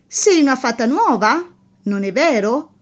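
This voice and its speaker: A wise old-fashioned gnome put on by a woman explains things calmly and with assurance. He speaks slowly and kindly. The sound is lo-fi. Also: high voice. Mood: assured. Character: wise, kindly male gnome, know-it-all.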